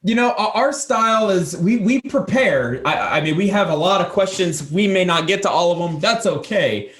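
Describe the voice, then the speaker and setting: A man's voice: sits high, lively intonation, normal speed, a bit bright, reverberant. A man co-hosting a casual podcast, eager and full of restarts. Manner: enthusiastic, stumbling restarts. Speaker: podcast co-host.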